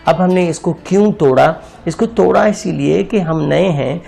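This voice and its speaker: His voice sits a little high, moves a little slowly, and sounds creaky but warm. The man presents an English grammar lesson on slides, patiently repeating words and dividing them into syllables for viewers he greets as friends.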